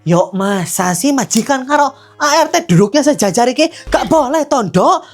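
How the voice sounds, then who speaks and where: Woman doing a haughty Javanese mother-in-law, sneering and condescending, high lively voice, faint music behind. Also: normal speed. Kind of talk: comedy skit acting.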